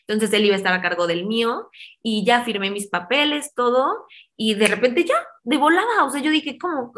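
Animated young Mexican woman telling a story. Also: mid-range voice. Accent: Mexican Spanish. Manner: animated, acts out quoted voices, fond of diminutives. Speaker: interview guest. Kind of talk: casual personal storytelling.

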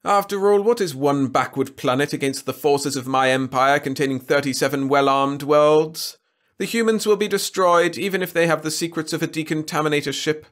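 A man voicing a haughty male alien emperor who speaks in a slow, commanding manner. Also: a little high, fairly bright tone, voice pushed up, natural voice. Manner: haughty, commanding, drawn-out delivery.

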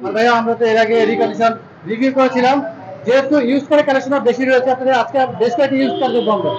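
A man with a Bangladeshi Bengali accent, a car vlogger giving quick, upbeat commentary as he checks cars in a showroom. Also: very high voice, steady tone, lo-fi sound, a crowd in the background. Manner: quick, upbeat, checks each detail aloud. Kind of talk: fast showroom walkaround commentary.

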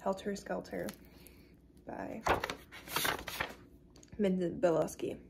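A woman introducing her dramatic script reading in a quiet, plain way. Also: lowish voice, fairly even intonation, slow, vocal fry, heavy background noise. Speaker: amateur script reader.

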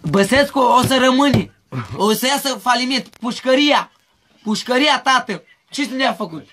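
A man with a very high, sharp, piercing voice rambles through a street interview. He pleads in circles and repeats the same questions again and again. He grew up in Mehedinți. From Mehedinți, Romania.

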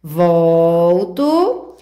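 Slow-talking woman teaching preschoolers. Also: fairly low pitch, very animated, warm tone. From Brazil. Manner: slow, sing-song teacher talk with diminutives, guiding each stroke. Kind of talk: remote handwriting lesson for young children.

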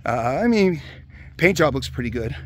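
A man from the Hershey area of Pennsylvania walks outdoors through an old amusement park, talking casually into a handheld camera. His delivery is relaxed and conversational, dotted with "uh" and "um" as he points out rides. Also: mid-range voice, normal speed, slight background noise. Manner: relaxed, chatty, many "uh" fillers. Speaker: vlogger exploring a closed amusement park. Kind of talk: casual walk-around commentary.

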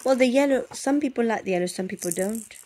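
A woman's voice: on the high side, quick pace, warm tone. A woman, a mother reading a picture book aloud to her child, chatty and often stopping to talk with them.

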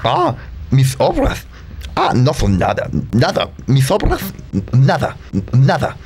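A performer voicing a playful, excitable male puppet who hosts a children's show, in a theatrical, exclamatory way. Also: medium pitch, slow, slight background noise, heavily acted. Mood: pompous, bumbling. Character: lively mustached male puppet, playful, pleading show host. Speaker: children's religious show host.

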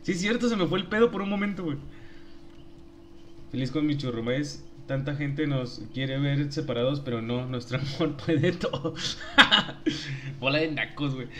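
A man's voice: a little high, moderate pace. A young man with a Mexican accent, a streamer joking and laughing as he reads his chat aloud. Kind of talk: casual live-stream chat.

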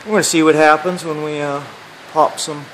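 A man with a fairly high voice gives loose, joking commentary as he films himself, the sound caught by a handheld phone. He is inside a big barn, and a faint hiss of noise sits under his voice. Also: little pitch movement, fairly quick, a bit bright, low-quality recording. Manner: joking, laid-back, talks to the camera. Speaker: vlogger filming himself. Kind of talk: casual self-filmed commentary. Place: large indoor barn. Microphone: handheld phone camera.

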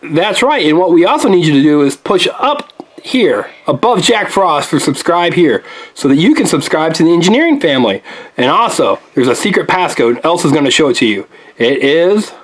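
A woman's voice: sits low, big pitch swings, normal speed, slightly rough. A woman hosting a family toy channel and wrapping up the video for young viewers in an upbeat, coaxing tone. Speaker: channel host, parent. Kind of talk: casual outro to young viewers.

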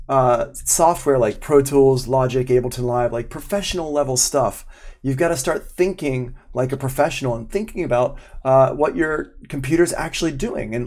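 Here the voice is medium in pitch and a little mellow, belonging to a man in his forties teaching audio in a casual live online session. His explanations go step by step and stay conversational, captured through an external microphone at his desk while he wears headphones.

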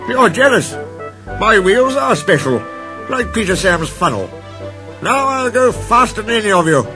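A man's voice: high voice, big pitch swings, measured pace, over music, pitched above the performer's own voice. A man voicing a boastful, conceited male steam engine in a storybook reading, with a snooty, cocky manner.

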